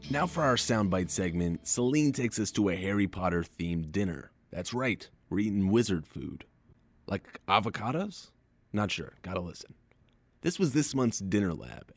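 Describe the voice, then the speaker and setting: A man's voice: deep voice, dry recording. A man hosting a podcast, reading scripted narration in a wry, conversational way. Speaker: podcast host.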